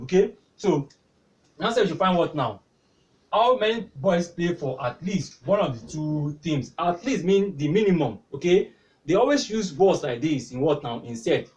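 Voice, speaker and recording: A man's voice: a little high, darkish tone, distant mic, poor audio. A man teaching a maths lesson, constantly prompting the class with "what now?" as he explains step by step. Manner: repeatedly asks "what now?" prompting answers. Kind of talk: whiteboard tutorial.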